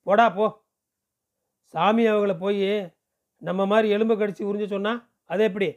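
A man's voice: high-pitched, fairly even intonation, fast, darkish tone. A man voicing a blunt, scolding village elder in a storybook reading. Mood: scoffing.

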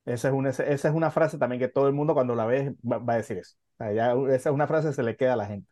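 A man's voice: mid-range voice, rapid-fire, darkish tone, no echo, clean studio sound. A man co-hosting a film podcast in casual chat, hesitant, with many fillers and restarts. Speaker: podcast co-host.

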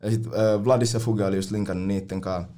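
A man's voice: on the low side, fairly even intonation, dark tone. A young man telling party stories in casual chat, full of slang and swearing, often mimicking other people.

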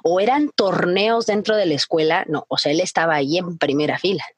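A young Mexican woman with a lowish, breathy voice co-hosts a chatty podcast, talking briskly in a recording with no echo. Telling a casual story with many fillers, she animatedly acts out other people's voices, including her dad's shouting.

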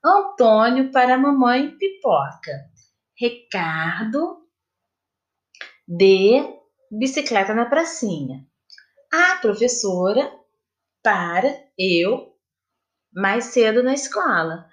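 A woman teacher from Brazil with a Brazilian Portuguese accent, giving a recorded lesson to children in a slow, patient, sing-song questioning way. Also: on the high side, big pitch swings. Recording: echoey room.

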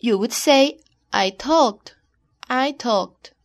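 A woman co-hosting an English lesson, reading model answers in a careful, deliberate way. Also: a little high. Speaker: co-host answering the teacher's questions. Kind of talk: scripted bilingual lesson dialogue.

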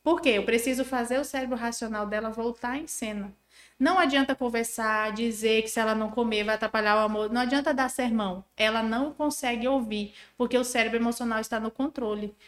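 Her voice a little high and her pace fast, this woman is a guest parenting expert on a podcast, walking through parenting one step at a time. She brings it to life by performing what the child says and what the parent says. The audio has a roomy quality.

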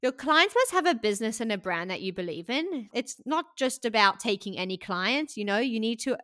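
A woman's voice: on the high side, normal speed. A young woman, a podcast guest gushing through stories in a casual chat full of "like" fillers. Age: young adult. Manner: excitable, gushing storyteller with many "like" fillers.

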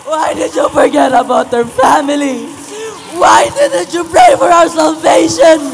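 A performer in a church drama skit playing a tormented soul in hell, sobbing and shouting pleas to family. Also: very high voice, fairly even intonation, measured pace, vocal fry, heavily acted, rough recording. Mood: anguished pleading. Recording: loud music underneath.

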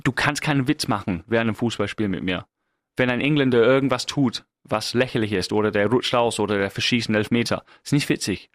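A middle-aged Englishman hosts a podcast, speaking German as a second language with an English accent. His mid-range voice moves fast through a casual, self-mocking monologue packed with fillers and restarts. The sound is studio quality, with no room sound.

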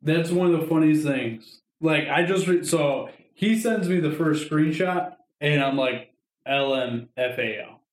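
A man hosting a podcast in casual, jokey chat, animated and swearing a lot. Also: fairly high pitch, measured pace, hardly any pauses. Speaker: podcast host. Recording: roomy echo.

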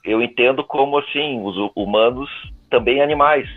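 A man's voice: mid-range voice, moderate pace. A man interviewing an author, affirming her often and padding his questions with little fillers. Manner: lots of fillers and affirming murmurs. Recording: tinny phone-like line.

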